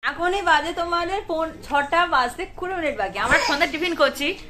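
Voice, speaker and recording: High-pitched Bengali mother vlogging at home. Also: expressive, brisk, pushed and bright. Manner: playful, coaxing baby talk with a young child. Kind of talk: casual home vlog, talking to her toddler. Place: home, indoors. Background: background music.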